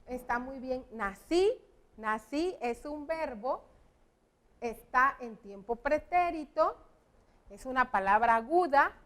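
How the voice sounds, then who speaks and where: A woman teaches young pupils. Her voice sits high and she talks at a slow, deliberate pace. She explains each point patiently and clearly. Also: fairly bright tone. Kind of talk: classroom lesson for children.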